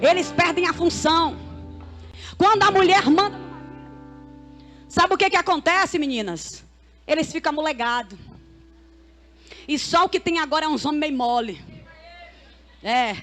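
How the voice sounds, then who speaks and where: A woman preacher, loud and emphatic, delivering a sermon that builds to shouted exhortation. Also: sits high, unhurried, pauses often, faint music behind. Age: adult, mother of boys. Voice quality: loud, self-described noisy voice.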